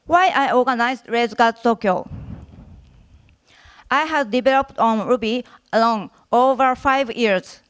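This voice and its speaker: Slow, clear-voiced Japanese woman presenting. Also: a little high. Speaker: conference speaker, workshop organizer. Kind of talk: prepared lightning talk. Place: conference stage.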